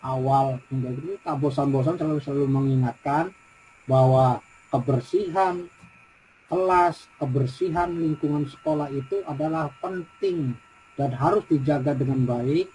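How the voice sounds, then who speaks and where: A middle-aged man with a West Javanese Indonesian accent, a teacher in a coaching practice conversation, talking haltingly with many fillers and repetitions. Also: on the high side, warm tone, slight background noise, low-quality recording. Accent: Indonesian, West Java.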